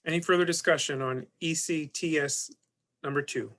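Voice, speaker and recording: A man's voice: a little high, fairly even intonation, normal speed, a bit bright. A man speaking as board president, running a meeting with formal procedural phrasing.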